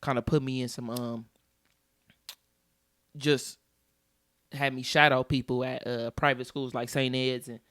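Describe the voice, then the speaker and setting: A man's voice: mid-range voice, level tone, a little slow, pauses often, fairly bright tone, dry recording, clean studio sound. A young man in his twenties, a guest actor and musician, chatting casually with laid-back slang and frequent "you see what I'm saying" tags. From Cleveland Heights, Ohio; born in DC. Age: 20s. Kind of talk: casual chat.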